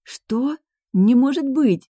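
A woman voicing an eager young girl who has just become a witch, asking excited, breathless questions. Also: medium pitch, normal speed, no room sound, studio quality, voice pushed up, close to an everyday voice. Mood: overjoyed.

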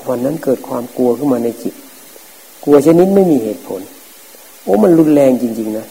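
A middle-aged man, a Buddhist forest monk, giving a calm, plain-spoken dharma talk. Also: medium pitch, vocal fry, husky. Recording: hissy, noisy old recording.

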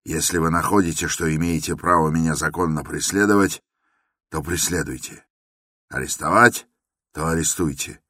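A man voicing a tense, defiant young ex-student who speaks in clipped, deliberate declarations. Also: rumbling low, steady tone, sharp tone, husky, no echo, studio quality, heavily acted. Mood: cold, defiant.

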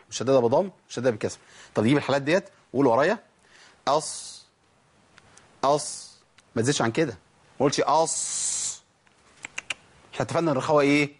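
Egyptian guy teaching tajweed, quick and kinda husky, keeps quizzing ppl and sounding out letters. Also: a little high. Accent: Egyptian Arabic. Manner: quizzes listeners, answers his own questions, demonstrates letter sounds. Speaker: Quran recitation teacher. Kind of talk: recorded tajweed lesson.

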